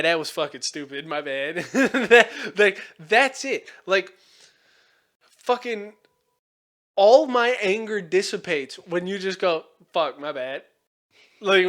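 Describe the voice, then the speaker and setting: A man's voice: sits high, a bit bright. A young man hosting a casual podcast chat, rambling with lots of fillers and frequent swearing. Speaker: podcast host.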